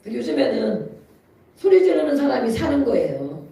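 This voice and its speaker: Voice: medium pitch, very animated, normal speed, vocal fry, dark tone. A preacher giving a chatty, storytelling sermon with frequent laughs that rises to emphatic exhortation, recorded in a church sanctuary from a distance. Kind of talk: conversational sermon. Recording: echoey hall, mic from far off.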